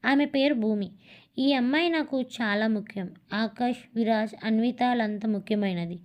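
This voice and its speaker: A woman's voice: on the high side, normal speed, darkish tone, lightly acted. A woman reading the lines of a grave middle-aged husband who pleads earnestly. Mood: pleading.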